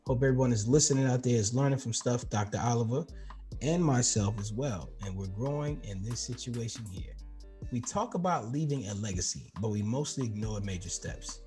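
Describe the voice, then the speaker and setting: A man hosting a talk show, chatting casually and telling stories with a lively, rising voice. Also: normal speed, faint music behind. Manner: animated storyteller, voice rising high when laughing. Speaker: podcast host. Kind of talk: casual interview chat.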